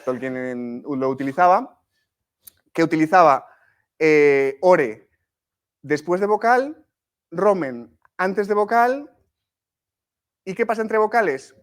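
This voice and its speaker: A man from teaches a live workshop in a middle-pitched voice. He explains patiently and in pieces, restarting phrases and checking in with the room after almost every point. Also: clear, resonant tone. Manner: explanatory, frequent checks with "¿sí?" and "¿vale?", many restarts.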